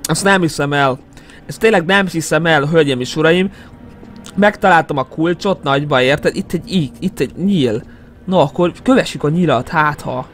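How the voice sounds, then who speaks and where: A young man with a Hungarian accent commentating a horror game, excitable and jumpy, muttering to himself between yelps. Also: on the high side. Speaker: gaming YouTuber. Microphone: headset. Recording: faint game music behind.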